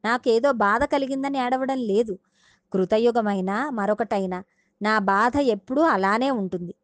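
A woman's voice: fairly high pitch, unhurried, no echo, lightly acted. A woman voicing the Earth as a grieving mother cow who explains her sorrow patiently while retelling a sacred story.

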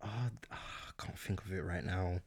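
A young woman, a guest on a podcast, excitable and laughing loudly in casual chat. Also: very deep voice, moderate pace, slightly rough.

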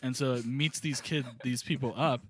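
A man's voice: mid-range voice, fairly even intonation, moderate pace, fairly bright tone, slight background noise. A man co-hosting a comedy podcast in casual chat, rambling and joking with lots of fillers. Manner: rambling, jokey, many fillers. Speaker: podcast co-host.

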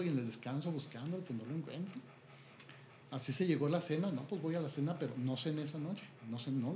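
Mexican priest telling a story in a roomy space. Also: male voice, medium pitch, slight background noise. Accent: Mexican Spanish. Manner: animated, acts out quoted dialogue. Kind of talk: storytelling testimony. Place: at home.

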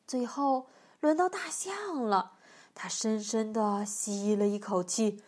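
A woman reading a children's picture book aloud in a lively, expressive storyteller manner. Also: on the high side, slow.

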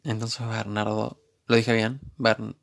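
Argentine male reviewer with a gravelly voice, recapping episodes in a wry, joking tone. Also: on the low side, little pitch movement, takes it slowly. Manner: sarcastic, joking asides. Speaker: TV series reviewer. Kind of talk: casual recap commentary.

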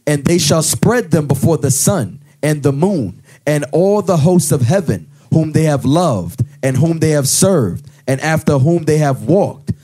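A man reading Bible verses aloud in a steady, formal way. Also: on the high side, slightly rough. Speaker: scripture reader.

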